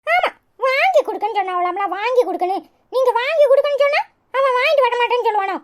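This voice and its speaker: In a cartoon, a woman voices a feisty, stubborn little village girl with a Kanyakumari Tamil accent, firing off sharp, sarcastic, argumentative retorts in an indignant mood. Her voice is very high, expressive and fast, with slight background noise.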